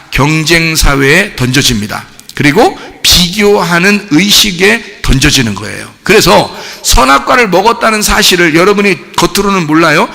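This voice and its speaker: A middle-aged male pastor preaching with a high, lively voice that leaps and drops. His tone is bright and edged with a gravelly rasp. He keeps putting questions to the congregation, and a long church-hall reverb trails behind him. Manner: animated, asks the congregation questions and acts out cheering crowds. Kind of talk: sermon. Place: church sanctuary.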